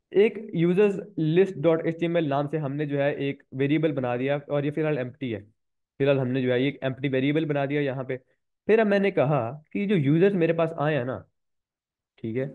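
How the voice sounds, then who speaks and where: A man with a slightly sore throat teaching a programming lecture, walking students through code step by step and repeating key points. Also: a little high. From Pakistan. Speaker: programming instructor. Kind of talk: screen-recorded coding lecture. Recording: tinny phone-like recording.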